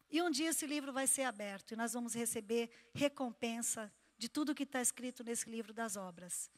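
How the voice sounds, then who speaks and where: A woman pastor preaching a sermon in a church, impassioned, swinging between loud cries and soft, low passages.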